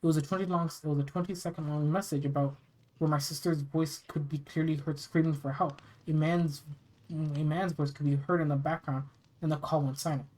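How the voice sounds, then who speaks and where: Horror story narrator from the US, mid-pitched, halting read with repeated phrases and casual delivery. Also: fairly even intonation, dark tone, rough recording. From United States. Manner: halting reading, often stumbling and repeating phrases. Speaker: narrator reading scary stories. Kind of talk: reading a first-person horror story aloud, with casual asides.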